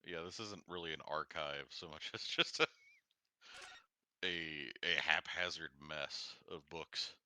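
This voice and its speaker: A man's voice: extremely low pitch, measured pace, sharp tone. A man making dry, joking asides as co-streamer on a live game stream. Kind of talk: casual live-stream chat.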